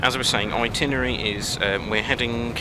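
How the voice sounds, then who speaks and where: A man hosting a casual let's play, talking in a rambling, halting way full of fillers and self-corrections, recorded at home on a headset. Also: mid-range voice, steady tone. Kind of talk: casual gameplay commentary. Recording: noticeable background noise.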